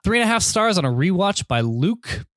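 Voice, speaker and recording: A man's voice: high-pitched, very animated, normal speed, fairly bright tone, no room sound. A young man hosting a podcast, chatting casually and profanely and reading out reviews. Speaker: podcast host. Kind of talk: casual chat.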